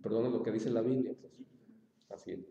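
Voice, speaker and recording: A man's voice: lowish voice, moderate pace, gravelly, warm tone, dull audio. Man teaching Bible in an echoey hall. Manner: plain, repeats points, many fillers and "¿ya?" checks. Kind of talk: informal Bible class.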